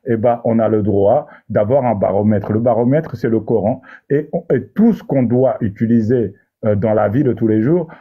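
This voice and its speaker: A man holds forth in a heated online debate, preachy and sarcastic, tripping over and restarting his phrases. His voice sits at a mid pitch, and the audio is dull and lo-fi. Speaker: debater in an online discussion panel. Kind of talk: heated argumentative monologue.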